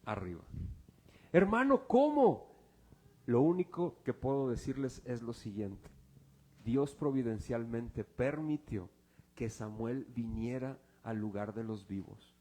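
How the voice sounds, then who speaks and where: A male pastor, preaching a sermon full of rhetorical questions, swinging between loud and hushed. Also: medium pitch, expressive, slow.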